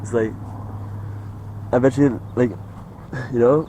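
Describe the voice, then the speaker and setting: A man's voice: mid-range voice, fairly even intonation, slow pace, dark tone, slight background noise, low-quality recording. A young man talking in a rambling, meandering way, full of "like" and "you know", in a casual monologue. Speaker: vlogger.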